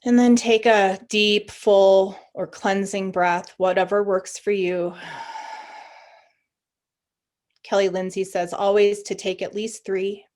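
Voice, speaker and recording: A meditation teacher guides a session, offering gentle, encouraging instructions broken up by pauses. Her voice is mid-range and steady in tone.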